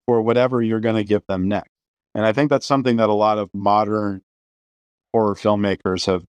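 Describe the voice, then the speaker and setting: Opinionated man with a low voice. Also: darkish tone, clean tone, no echo. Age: middle-aged. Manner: opinionated, many restarts and repeated words. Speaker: podcast host. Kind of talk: casual film discussion.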